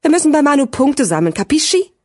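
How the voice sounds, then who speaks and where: A woman's voice: high-pitched, sing-song, quick pace, dry recording, studio quality, voice pushed up. A woman voicing a hot-headed fourteen-year-old boy gangster in an audiobook, snapping and bossy. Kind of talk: audiobook character voice.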